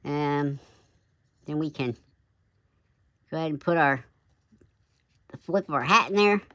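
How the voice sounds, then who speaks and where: A man's voice: a little high, expressive, measured pace, bright, forceful tone, dry recording. A man casually talking through a woodcarving demonstration, his voice sped up to double speed into a chipmunk voice, dropping folksy asides like "oop" and "yep". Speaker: woodcarving instructor. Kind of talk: casual step-by-step carving demonstration.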